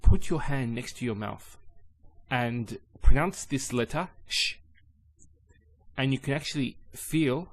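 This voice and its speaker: A man teaching an Arabic linguistics lesson in English, explaining calmly with measured pauses. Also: medium pitch.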